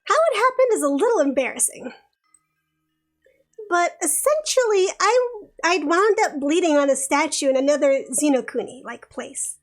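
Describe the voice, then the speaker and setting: Giggly high-pitched woman streamer reading game narration, soft music underneath. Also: animated. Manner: giggly and chatty, reads narration slowly. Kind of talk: reading a visual novel aloud on stream.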